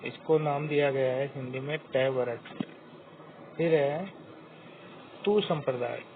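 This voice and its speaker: A man teaching a grammar lesson, slowly and deliberately sounding out each letter one by one. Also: mid-range voice. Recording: tinny phone-like audio with faint hiss.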